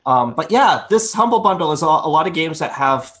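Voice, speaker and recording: A man's voice: a little high, animated, fairly quick, sharp tone. A man co-hosting a casual gaming podcast, joking and rambling through his asides. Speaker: podcast co-host.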